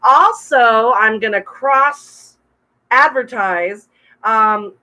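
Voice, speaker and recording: A woman co-hosting a casual livestream chat, bubbly and quick to laugh, with a bit of a cough. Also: on the high side, pushed and bright, rough recording. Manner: bubbly, laughs often, chatty with viewers. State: coughing, throat trouble. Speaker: podcast co-host. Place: home room, livestream with wine.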